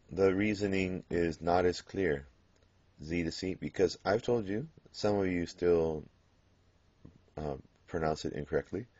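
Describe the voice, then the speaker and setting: A man teaching a Spanish grammar lesson, explaining patiently and pausing on fillers as he works through examples. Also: low voice, darkish tone, no room sound. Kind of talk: classroom grammar lecture. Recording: dull lo-fi classroom recording.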